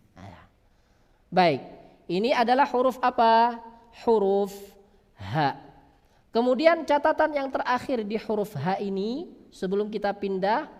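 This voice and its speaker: A man teaching Quran recitation, who asks questions and answers them himself and draws out sounds slowly to demonstrate them. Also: very high voice. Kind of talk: religious lesson on pronunciation. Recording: long hall reverb.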